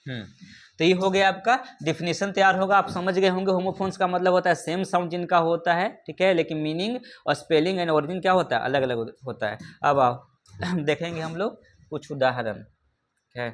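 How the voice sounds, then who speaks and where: A man with a high voice teaches a classroom vocabulary lesson. He keeps stopping to ask his learners questions and to check that they follow along. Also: steady tone, normal speed. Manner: repeats "ठीक है ना" and asks rhetorical questions; addresses learners familiarly. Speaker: English teacher.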